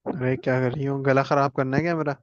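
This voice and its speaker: A man's voice: medium pitch, level tone, fast, dry recording, muffled recording. Chatty man giving a screen-share lesson. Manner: casual, chatty, joking asides. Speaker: instructor.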